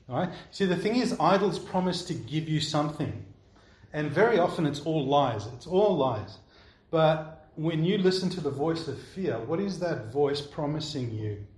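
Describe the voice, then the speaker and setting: A man's voice: a little high, darkish tone. A man preaching a sermon, answering questions from the congregation in a conversational way and often checking in with his listeners. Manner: conversational, keeps checking in with "all right?". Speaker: pastor. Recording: roomy echo.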